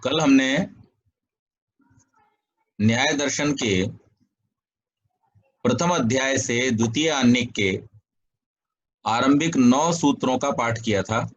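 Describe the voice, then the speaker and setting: A man teaching a philosophy text, chanting verses slowly and then explaining them with everyday examples. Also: mid-range voice, lo-fi sound. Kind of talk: scripture lesson, reciting sutras and explaining.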